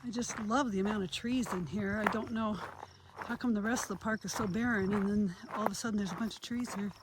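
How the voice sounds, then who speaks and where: A woman's voice: medium pitch, fast. A retired woman in her sixties chatting casually as she walks a nature trail, talking to her viewers. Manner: chatty, relaxed commentary while walking. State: out of breath. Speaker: vlogger. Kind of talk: casual hiking vlog narration. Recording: outdoor phone audio with insect noise.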